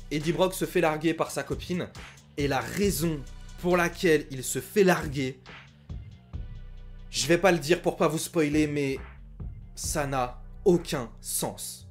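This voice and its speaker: A man's voice: fairly high pitch, unhurried, long pauses, faint music behind. A young man giving a frank, critical film review in a casual talk, with many filler sounds.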